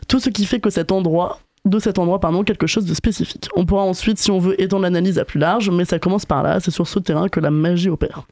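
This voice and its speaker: A young woman with a voice affected by a sore throat, presenting a scripted podcast segment in a lively, tongue-in-cheek way. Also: on the low side, fast talker, few pauses.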